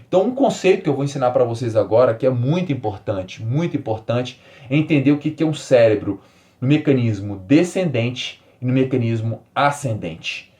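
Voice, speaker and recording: A man in his forties from Brazil, hosting a solo health podcast and explaining ideas with emphatic repetition, then easing into calm, soft phrasing. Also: medium pitch, brisk. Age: 40s. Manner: animated, emphatic, repeats key words, drops to calm soft tones. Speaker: podcast host.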